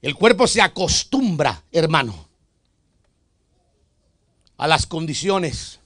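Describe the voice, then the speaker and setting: A man with a high voice preaches from a church pulpit. He shifts between fervent, loud declarations and soft, joking asides, and keeps addressing the congregation as his brothers. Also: sing-song, takes it slowly, no echo, studio quality. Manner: calls out "hermano" to the congregation. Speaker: pastor. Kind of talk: Spanish sermon. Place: church sanctuary.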